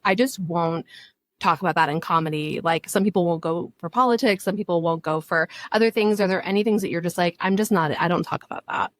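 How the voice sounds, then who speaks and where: A woman hosting a podcast, asking questions in a casual, playful way and reacting with quick laughs. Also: fairly low pitch, dry recording. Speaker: podcast host.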